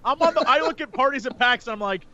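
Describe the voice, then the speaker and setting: A man's voice: very high voice, animated, quick pace, crowd noise. A man chatting casually on a podcast, wry and self-mocking. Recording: dull lo-fi mic with clear noise.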